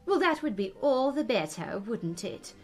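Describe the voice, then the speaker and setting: Storybook queen: scatterbrained, excitable, very high and swooping, emphatic delivery. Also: a little slow, soft background music. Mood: careless, chatty. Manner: emphatic, swooping, prone to squeals. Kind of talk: theatrical storybook character voice.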